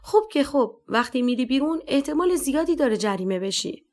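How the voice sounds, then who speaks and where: A woman's voice: high-pitched, expressive. A woman voicing a stern, scornful male police captain who scolds harshly and talks down sarcastically.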